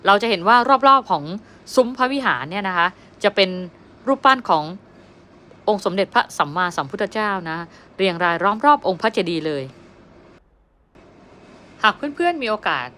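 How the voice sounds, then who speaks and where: A woman touring a temple on camera, explaining each spot with a friendly guide tone and soft polite endings. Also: mid-range voice, animated, normal speed. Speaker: travel vlogger guiding a temple visit. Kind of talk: casual travel vlog narration. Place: outdoor temple grounds. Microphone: handheld phone camera. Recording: noisy outdoor ambience with passing vehicles.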